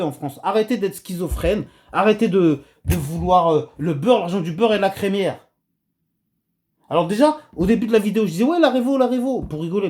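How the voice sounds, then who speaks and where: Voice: medium pitch, mellow. A video commentator delivering a heated rant to camera, agitated and emphatic, with many hesitations and restarts.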